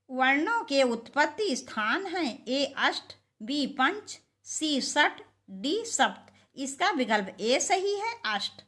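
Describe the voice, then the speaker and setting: A woman's voice: high-pitched, sharp tone. A woman teacher reading out exam questions and their answer options, then explaining each answer. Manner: reads options slowly, then explains with stressed syllables. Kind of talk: exam quiz lesson.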